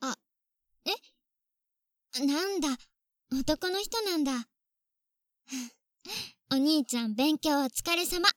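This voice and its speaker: A woman's voice: high-pitched, expressive, drawn-out words, pauses often, no echo, clean studio sound, exaggerated voice. A woman voicing a clingy, possessive younger sister on a phone call, sweet at first and coldly jealous underneath. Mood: menacing. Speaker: voice actress in phone-call role-play. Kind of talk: phone-call role-play drama.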